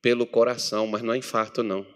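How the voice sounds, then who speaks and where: A Brazilian man preaching a sermon to his congregation, joking with them between Bible readings and swinging from loud readings to low murmurs. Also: level tone, rapid-fire, clear, resonant tone. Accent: Brazilian Portuguese. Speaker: pastor. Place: church meeting hall.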